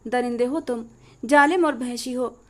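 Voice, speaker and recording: A woman's voice: fairly high pitch, a little slow, close to an everyday voice. A woman voicing a defiant young female college student in a storybook reading, speaking out with accusing defiance. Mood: furious.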